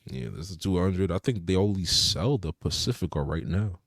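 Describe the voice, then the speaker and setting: A man's voice: low voice, animated, normal speed, dry recording, clean studio sound. A young man co-hosting a podcast, chatting casually about cars, laid-back with lots of "you know" fillers. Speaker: podcast co-host. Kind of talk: casual car chat.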